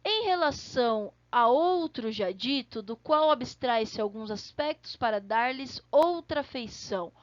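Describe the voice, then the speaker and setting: A woman's voice: fairly high pitch, animated, slow, hardly any pauses, dry recording, dull audio. A woman teacher giving an online lesson, explaining step by step and often checking in with the class. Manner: explanatory, checks in with frequent tag questions.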